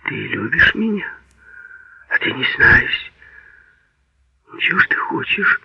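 A man reading an audiobook, voicing a proud but tender young woman who speaks in a hushed whisper. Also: lowish voice, lively intonation, moderate pace, husky, no room sound, muffled recording.

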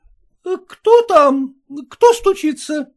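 A man voicing a sly, coaxing housekeeper woman in a chattering falsetto for an audiobook. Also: expressive, normal speed, warm tone. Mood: scolding. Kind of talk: audiobook character voice.

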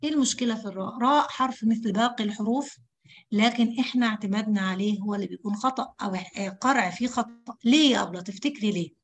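Fast-talking Egyptian woman teaching recitation. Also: mid-range voice. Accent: Egyptian Arabic. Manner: addresses female students directly, repeats syllables to demonstrate sounds. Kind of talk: tajweed lesson explaining letter articulation.

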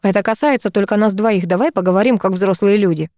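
A woman voicing a young man who talks softly and reassuringly in an audiobook. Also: medium pitch, quick pace, dry recording, studio quality, natural voice. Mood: soothing. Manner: soft, reassuring. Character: calm young man soothing his lover.

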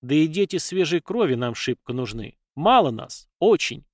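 A man's voice: on the high side, very animated, moderate pace, darkish tone, no echo, clean studio sound. A man reading an audiobook, voicing a stern female war leader who speaks plainly in folksy old speech. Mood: grave. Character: fierce woman warrior voevoda, weary, blunt.

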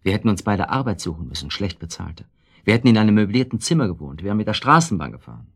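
In a German radio drama, an actor voices a brooding husband worn down by guilt, speaking haltingly with bitter irony. His male voice is lowish, husky, and gravelly, very animated in a full character performance, with a bitter, reflective mood.

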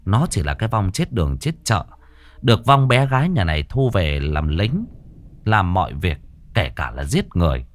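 A man's voice: low voice, sing-song, moderate pace. A man telling a ghost story in a dramatic, suspenseful way.

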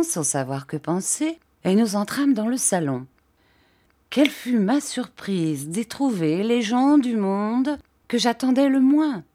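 A woman reading a classic novel aloud as an audiobook, in an expressive, animated way. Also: medium pitch. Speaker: audiobook reader.

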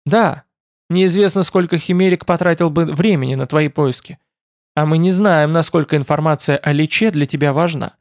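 A male reader voicing a bold, quick-witted young woman mage, in a slightly raised and lively voice. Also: fairly high pitch, no room sound, studio quality, lightly acted. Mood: explaining.

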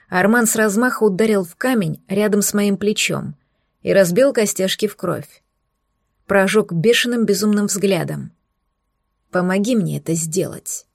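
A woman narrates a novel in the first person with dramatic intensity. Her voice sits at a middle pitch. The recording is close and dry. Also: darkish tone, no echo. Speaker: audiobook narrator.

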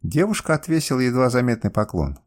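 A man narrating an audiobook in the first person with a measured, expressive reading. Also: medium pitch.

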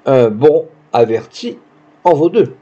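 A man reads the lines of a young, pretentious theatrical actress, using pompous, gushing phrasing with a scornful mood. His voice is medium-pitched, mellow and husky, slow but lively in intonation, in a dull lo-fi recording.

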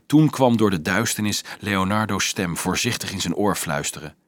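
A man reading a children's novel aloud in a lively, expressive storytelling manner. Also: low-pitched, moderate pace, no room sound, studio quality. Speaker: audiobook reader.

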